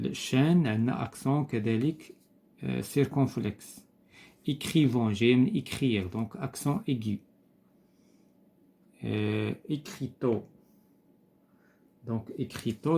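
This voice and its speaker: A man with a Moroccan Arabic accent, teaching as he works through a French textbook exercise. He talks patiently, repeating each word and pausing on hesitant fillers. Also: medium pitch, a little mellow.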